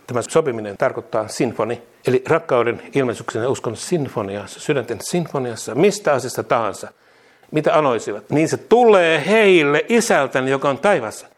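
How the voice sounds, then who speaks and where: A man preaching and leading prayer, repeating each phrase twice with bursts of laughter and exclamations. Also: mid-range voice. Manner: fervent declarations, calmer teaching later. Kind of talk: charismatic sermon and prayer.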